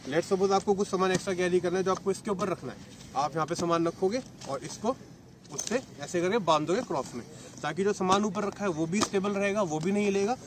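A motorcycle vlogger in his thirties gives a casual product demo on an open lakeshore, chatting as he walks through his gear step by step. His voice sits high and moves briskly, with background noise around him.

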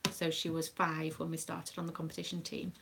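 A woman's voice: sits low, completely flat delivery, fairly quick, gravelly, noisy background. A British woman, a proud mother, chatting casually on a live stream with a rambling, um-filled manner. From United Kingdom. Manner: chatty, rambling, with many ums. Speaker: craft live-streamer and dance mum.

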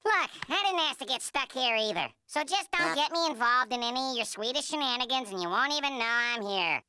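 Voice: sits high, lively intonation, fairly quick, slight background noise. An actor voicing a brash, wisecracking male cartoon woodpecker full of mischief. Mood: casual. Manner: wisecracking, cheeky. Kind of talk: cartoon voice acting. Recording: loud cartoon music behind.

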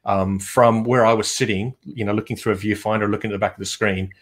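A man, a photographer, chatting casually on a livestream over a video call and telling shoot stories in a relaxed way with many fillers. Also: on the low side, fast. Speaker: photographer guest.

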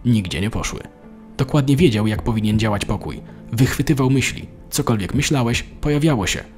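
A man narrating an animated story in a steady, measured manner. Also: mid-range voice, soft background music. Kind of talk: scripted narration.

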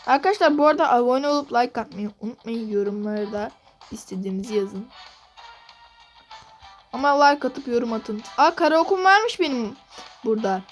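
A woman hosting her gaming channel, commenting on gameplay in an excitable way and repeating phrases over and over. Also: fairly high pitch, a little fast, soft background music.

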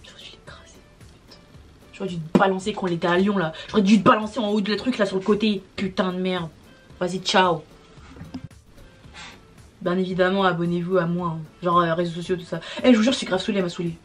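A woman's voice: lowish voice, fairly even intonation, fast, soft background music. A young woman vlogging a storytime, exasperated and slangy, swearing as she vents. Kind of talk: casual storytime monologue.

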